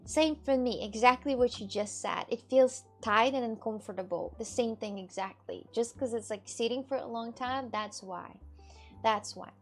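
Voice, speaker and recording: In a casual stream, a twenty-something woman responds to viewers, rambling, laughing often, and cursing freely. She has a fairly high voice at a normal speed, with faint music behind her.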